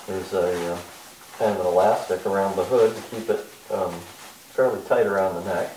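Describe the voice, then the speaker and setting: An older man giving a casual, halting hands-on product demo in a workshop, with plenty of fillers as he explains each part. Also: low voice, steady tone, a little mellow. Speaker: DIY car restoration vlogger. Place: large bare-walled workshop indoors. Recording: echoey workshop, distant mic, faint noise.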